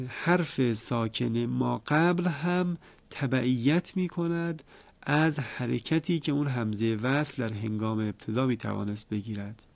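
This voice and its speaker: Gravelly man teaching recitation rules. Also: mid-range voice, a little mellow, dry recording. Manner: measured explanation, slowing to chant examples. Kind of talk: formal lecture with recited examples. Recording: dull dry lo-fi recording.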